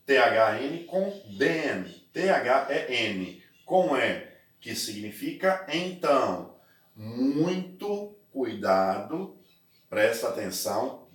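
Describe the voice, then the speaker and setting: A man with a Brazilian Portuguese accent giving a recorded English lesson, explaining step by step and slowing down to spell out and stress words. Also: mid-range voice, reverberant, recorded from a distance. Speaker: English teacher.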